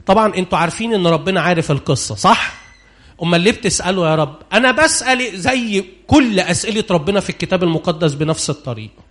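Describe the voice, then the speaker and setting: An Egyptian preacher speaks fast in Egyptian Arabic, his voice high and lively as he delivers a sermon. Animated, he fires questions at the congregation and pushes for spoken answers, switching between urgent appeals and quiet, low asides.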